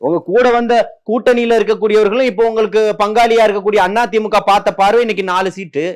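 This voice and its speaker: A man's voice: sits high, steady tone, fast. This is a man, speaking as a guest in a heated political interview. He argues combatively and stacks up rhetorical questions, one after another.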